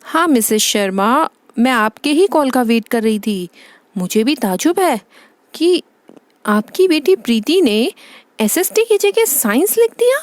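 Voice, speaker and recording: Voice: high voice, big pitch swings, unhurried, dry recording. A woman voicing a strict female schoolteacher doll on a call, speaking with incredulous rising exclamations.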